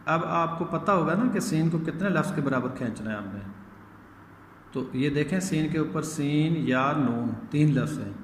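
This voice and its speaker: A man's voice: on the high side, animated. A man teaching young children to read Quranic letters, patiently checking in and drawing out each letter sound in a chanted recitation. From Pakistan. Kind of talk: recorded lesson for young children. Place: echoey school room. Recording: echoey room with long reverb, faint hiss.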